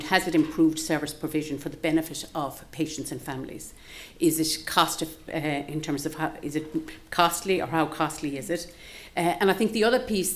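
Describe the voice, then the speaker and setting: A woman with a Galway, west of Ireland accent giving a live research presentation in a discursive, explanatory way. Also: deep voice. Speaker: academic researcher presenting a study.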